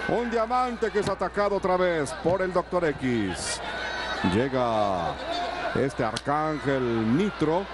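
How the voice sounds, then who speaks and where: High-pitched man calling wrestling, noisy arena. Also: animated, takes it slowly, a loud crowd. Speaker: wrestling commentator. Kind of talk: play-by-play sports commentary.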